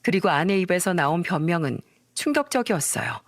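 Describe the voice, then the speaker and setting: A man's voice: high voice, big pitch swings, fairly quick, no room sound, studio quality. Man dramatically narrating a story.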